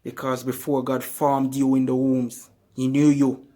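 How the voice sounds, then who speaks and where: A man giving a motivational speech, with emphatic, repetitive rhetorical questions and slow, drawn-out stresses on key phrases. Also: mid-range voice, completely flat delivery, mellow. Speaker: motivational speaker.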